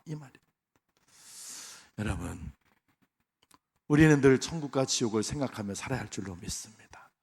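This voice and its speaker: A man's voice: mid-range voice, lively intonation, a little fast, creaky, long pauses, darkish tone, slightly rough. A male pastor preaching a Sunday sermon, speaking emphatically and directly to his congregation. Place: church sanctuary. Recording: long church hall reverb.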